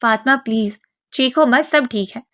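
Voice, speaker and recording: A woman voicing a caring younger sister who speaks softly and gently. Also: fairly high pitch, lightly acted. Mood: gentle. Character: caring younger sister, soft-spoken and questioning.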